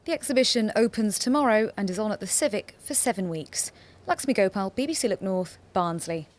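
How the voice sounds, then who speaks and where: A female news reporter narrating a scripted regional television report in a measured, even way. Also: mid-range voice.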